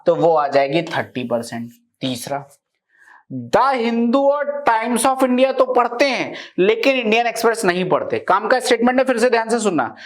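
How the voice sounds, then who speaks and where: A male maths teacher giving a live class, explaining each step and often checking that his students follow. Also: sits high.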